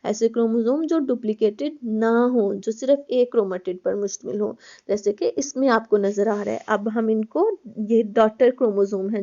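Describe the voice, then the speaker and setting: A woman teaches a college biology class, going step by step, repeating herself and addressing the students as children. Her voice is fairly high yet mellow and dark in tone. The recording is dull and lo-fi.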